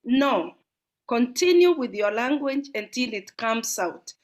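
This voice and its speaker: A Kenyan woman with a slightly high, expressive voice speaks slowly as an audience member asking a question. Her heartfelt comment in an online discussion is earnest and encouraging, delivered in long flowing runs.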